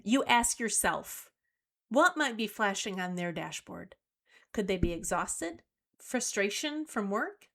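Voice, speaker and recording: Middle-aged woman host, solo talk; slow, deliberate coaching delivery at a middle pitch. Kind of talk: solo talk on emotional skills.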